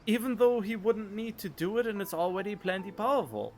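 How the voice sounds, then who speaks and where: With a high voice, lively intonation and a brisk pace, a man gives casual stream commentary, voicing game text and responding to it. A close studio condenser mic picks him up, along with game music and slight background noise.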